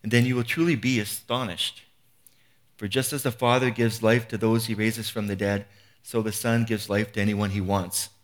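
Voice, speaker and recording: A man's voice: lowish voice, little pitch movement, normal speed. A man in his fifties giving an earnest, conversational sermon, often restarting phrases and asking rhetorical questions. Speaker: preacher.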